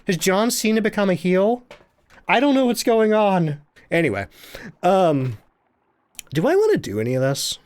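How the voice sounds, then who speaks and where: Brief: male streamer, higher voice, very animated delivery, chatty live game commentary. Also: normal speed, long pauses. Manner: chatty, animated, laughs often. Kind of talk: live gameplay commentary, reading chat.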